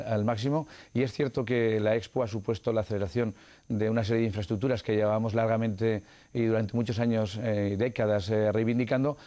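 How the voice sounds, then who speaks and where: A man's voice: lowish voice, warm tone. Man arguing in a formal interview. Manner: formal, argumentative, with frequent "eh" fillers. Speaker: political candidate. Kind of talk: interview answers.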